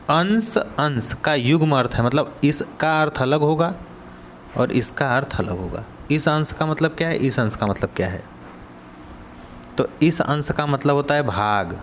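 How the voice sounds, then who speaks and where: A man's voice: mid-range voice, slight background noise. A male coaching teacher with a Hindi accent going through exam questions. He asks the students, then answers and repeats the key words. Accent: Hindi, Varanasi region.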